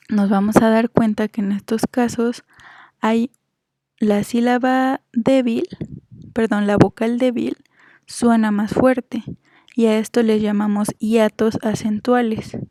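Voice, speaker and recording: Female teacher, slow even delivery, mellow tone; patient explainer who drags out example words. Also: a little high, no room sound. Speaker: Spanish teacher. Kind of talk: explanatory grammar lesson.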